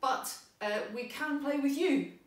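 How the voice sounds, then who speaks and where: A woman's voice: high-pitched, measured pace. A woman music tutor giving cheerful, encouraging step-by-step instructions to young players. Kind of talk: friendly instructional talk. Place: unfamiliar large venue. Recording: echoey venue, voice from a distance.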